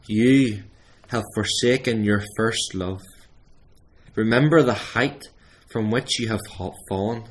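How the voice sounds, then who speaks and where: Man reading scripture at a pulpit microphone. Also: lowish voice. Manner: measured, deliberate reading with emphatic pauses. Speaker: church service leader reading scripture. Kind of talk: scripture reading in a church service. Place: church.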